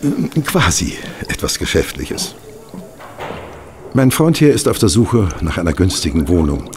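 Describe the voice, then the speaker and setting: An affable doctor in a radio play. His voice is fairly low and very lively, with dry, conversational wit. Faint ambience sits behind him. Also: measured pace, slight background noise. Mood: businesslike, friendly. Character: affable, dryly witty male doctor, a go-between. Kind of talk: German audio drama acting.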